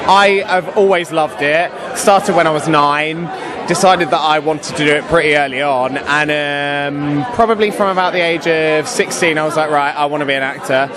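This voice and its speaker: A man's voice: a little high, normal speed, crowd noise. A young British man, an actor, chatting casually and enthusiastically in an interview. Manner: enthusiastic, gushing. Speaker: pantomime actor and singer.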